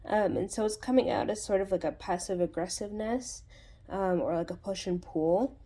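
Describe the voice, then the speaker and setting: A woman's voice: medium pitch, normal speed, warm tone. A woman hosting her own channel, giving a casual spoken tarot reading in a rambling way, full of fillers and restarts. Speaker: tarot reader and channel host.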